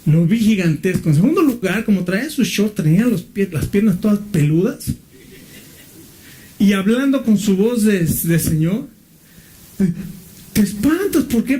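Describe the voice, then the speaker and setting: A middle-aged man from Mexico preaching a sermon as pastor, often asking his listeners questions and filling pauses with "este". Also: high-pitched, a little mellow. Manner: asks the listeners questions, uses fillers like "este".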